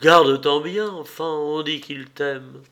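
A man's voice: on the high side, slow, bright, forceful tone. A man reading Agrippine, a proud bitter empress mother. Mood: commanding. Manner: stern, commanding reading. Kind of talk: audiobook reading.

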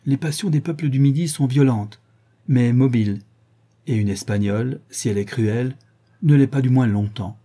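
A man narrating a classic novel as an audiobook in a measured, expressive way. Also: medium pitch, breathy edge.

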